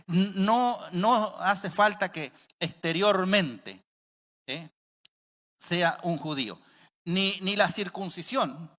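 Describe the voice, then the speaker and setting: A man's voice: a little high, sharp tone. A man preaching a sermon, emphatic and putting rhetorical questions to his listeners. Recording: long hall reverb.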